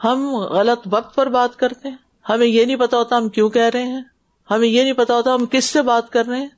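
A woman's voice: a little high, steady tone. A woman religious teacher giving a class and answering questions in an earnest, advising way, mixing in English words.

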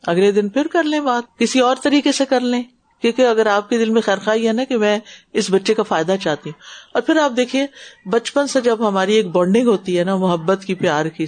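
A woman's voice: on the high side, a little mellow. A woman religious teacher giving a class and answering questions in an earnest, advising way, mixing in English words.

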